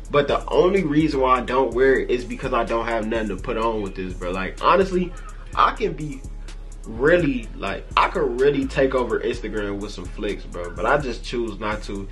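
A young man talks to camera from a small bedroom lit in purple, his voice sitting mid-range. He sounds hyped and loose, stacking slang and filler as he chats to viewers. Faint music plays underneath. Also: medium pitch. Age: young adult. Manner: excited, slangy, repeats "bro" and "you feel me". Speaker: vlogger showing a hat collection. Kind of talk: casual vlog talk to camera.

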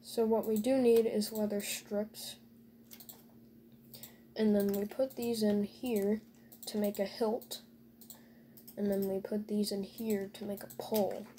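A woman's voice: medium pitch, flat delivery, slow pace, long pauses, dark tone, slight background noise. A woman casually commentating her own gameplay, talking to viewers with joking asides and dry sarcasm.

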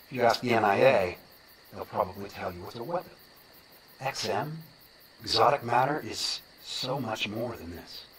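A man's voice: lowish voice, natural voice, rough recording. An actor playing an intense, mystical visionary man. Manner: slow, intense, half-whispered. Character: visionary male sculptor-researcher, intense, mystical. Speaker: researcher. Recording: crowd murmur behind.

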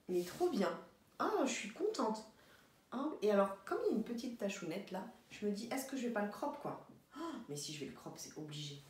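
A woman's voice: medium pitch, echoey room, recorded from a distance, a little hiss or hum. A woman vlogger chatting casually while unboxing, giggly and bursting into delighted exclamations.

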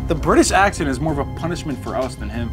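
A man's voice: fairly high pitch, expressive, quick pace, fairly bright tone. A young adult man taking part in a challenge indoors, chatting casually and teasing his friends. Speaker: challenge contestant. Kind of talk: casual chat, teasing banter. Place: indoors in a basement games room. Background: music.

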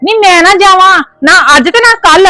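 A woman playing a shrill scolding mother-in-law. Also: brisk, fairly bright tone, dry recording, rough recording. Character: scolding quarrelsome mother-in-law, shut out of the house. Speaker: actor. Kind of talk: village family drama acting.

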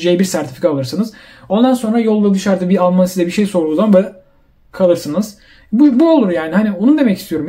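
A man's voice: high voice, warm tone. A young man giving casual advice to viewers, talking animatedly and acting out the voices of people he quotes. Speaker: YouTuber giving language-learning advice.

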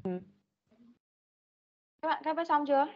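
A woman runs an online English class, calling out vocabulary items at an unhurried pace. She sounds patient and methodical. The audio comes through a muffled, lo-fi video-call connection. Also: sits high, animated. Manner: patient, drills words slowly one by one. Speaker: English teacher. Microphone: computer mic on a video call.

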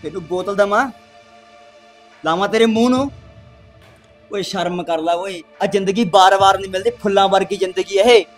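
A man's voice: high-pitched, moderate pace, long pauses, soft background music, natural voice. A man playing a stern uncle lecturing his addicted nephew. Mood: scolding. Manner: scolding, lecturing.

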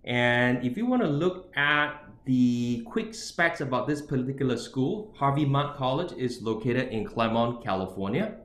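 Here an international student advisor, a middle-aged man from Singapore, presents a webinar about how to choose a university from indoors against a virtual background. His voice is medium-pitched and a bit bright, with reverberant sound. He talks emphatically, ending point after point with "all right?".

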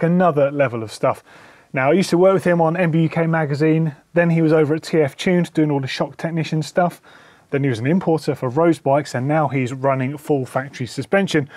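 A man's voice: fairly high pitch, fairly quick, darkish tone. A man in his forties, chatting enthusiastically as he tours a bike workshop and thinks aloud. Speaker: presenter. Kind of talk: casual workshop tour. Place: indoor bike workshop shed.

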